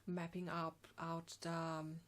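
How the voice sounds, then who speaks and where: A woman in her forties from Slovenia, with a Slovenian accent, answering interview questions about her design work with many pauses and ums. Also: low-pitched, monotone. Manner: hesitant, many ums and restarts. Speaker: graphic designer, guest.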